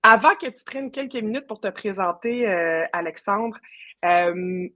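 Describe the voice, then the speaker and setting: A web marketing professional with a Quebec French accent hosts a casual live webinar, chatty and informal, slipping English words into her speech. Her mid-range voice has lively intonation and a sharp tone, she talks a little slowly, and there's no echo.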